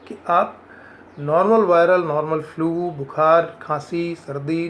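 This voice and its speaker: A man's voice: fairly high pitch, a little hiss or hum. A man from India giving earnest health advice in an informal explanatory talk, slipping English phrases into his speech.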